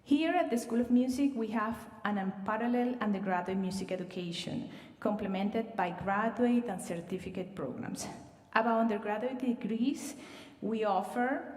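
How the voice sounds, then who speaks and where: Speaking in a mid-range voice, this woman from Venezuela is an admissions director giving a livestreamed talk to students. Her tone is warm and inviting, her phrasing a little non-native and dotted with fillers, and the hall's roomy reverb plus distance from the microphone colour the sound.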